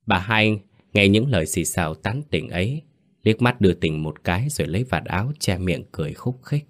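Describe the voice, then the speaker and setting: Deep guy reading a ghost story, slow dramatic storyteller. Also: expressive. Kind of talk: scripted horror story narration.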